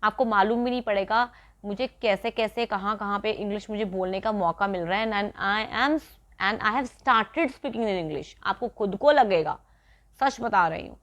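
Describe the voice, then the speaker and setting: A woman gives a casual spoken-English lesson. She sounds earnest and advising, and she talks straight to the listener. Her voice sits at a middle pitch. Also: measured pace, a bit bright. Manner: earnest, advising, speaks directly to the viewer. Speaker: English teacher.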